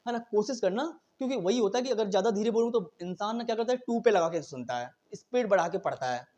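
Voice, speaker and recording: Rapid-fire male exam-prep teacher. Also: high voice, expressive, darkish tone. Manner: very fast talker, says he cannot slow down; chatty, mixes in English terms, asks "है ना?" often.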